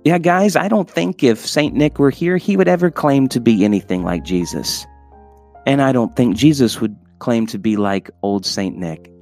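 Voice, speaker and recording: A man's voice: mid-range voice, animated, moderate pace, darkish tone, faint music behind. A young man hosting a podcast at home, talking in an earnest, emphatic, preacherly way. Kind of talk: casual sermon-style podcast talk. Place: home, by the Christmas lights.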